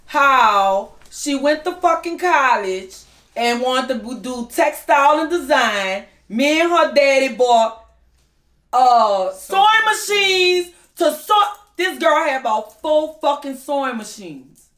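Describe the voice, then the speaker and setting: A woman's voice: high-pitched, slow pace. A middle-aged woman, a mother and music artist, telling stories bluntly in a casual interview. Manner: blunt, swearing, lively storytelling. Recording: echoey room.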